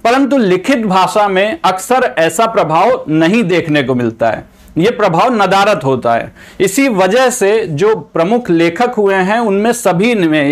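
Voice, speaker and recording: A man with a fairly high voice delivers an exam-preparation lecture. He explains patiently, restating each point in several ways before moving on. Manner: explanatory, repeats and rephrases points. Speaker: teacher.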